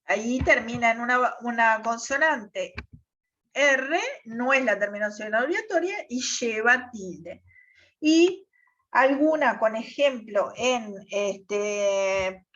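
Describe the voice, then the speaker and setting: A woman's voice: fairly high pitch, animated, takes it slowly, a bit bright. A woman teacher, patiently explaining over a video call and checking with "¿tá?". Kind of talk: online class explanation. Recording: dull lo-fi video call audio.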